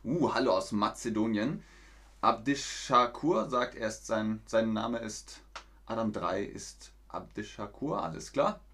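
A man's voice: lowish voice, expressive, unhurried, fairly bright tone. A man teaching German on a livestream, explaining pronunciation and answering viewers' chat questions in a chatty, explanatory way. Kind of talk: livestream language lesson reading chat.

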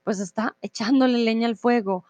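A woman's voice: fairly high pitch, normal speed, a little mellow, dry recording. A woman teaching Spanish on a live stream, explaining expressions patiently and reading out viewer comments. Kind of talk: live-streamed language lesson.

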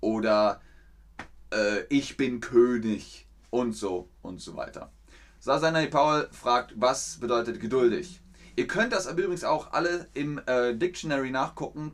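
A man teaching a live online language lesson, answering chat questions patiently and repeating example sentences clearly. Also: mid-range voice, a little slow. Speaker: German language teacher streaming.

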